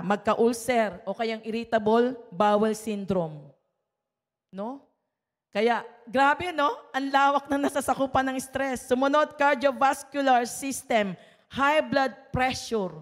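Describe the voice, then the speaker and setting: Woman pastor preaching in a reverberant hall. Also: on the high side. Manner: conversational preaching, often adds tag questions. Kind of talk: sermon.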